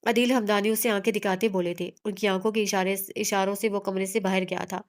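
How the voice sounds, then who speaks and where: A woman's voice: mid-range voice, fairly even intonation, fairly quick. A woman narrating a romance novel aloud, reading every character herself with small slips and restarts. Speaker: novel reader.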